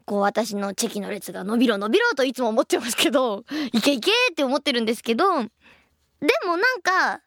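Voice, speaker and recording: A young woman in her twenties hosting a radio show, reading listener letters and answering them in a chatty, playful way, her voice a little husky. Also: fairly high pitch, quick pace, no echo, clean studio sound. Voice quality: a bit husky, by her own account. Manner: lively, chatty and playful, laughs at her own slips.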